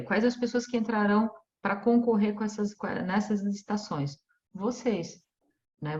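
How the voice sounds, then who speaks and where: Brazilian woman, webinar host, mid-pitched, inviting tone, muffled video-call audio. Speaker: webinar host and group organizer. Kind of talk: online webinar moderation.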